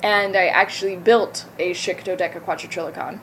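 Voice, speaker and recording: A woman's voice: lowish voice, fairly even intonation, fairly quick, a bit bright, a little hiss or hum, poor audio. A young woman from the American South, an actor chatting in an interview, talking loosely, correcting herself and laughing easily. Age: young adult. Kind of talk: casual interview.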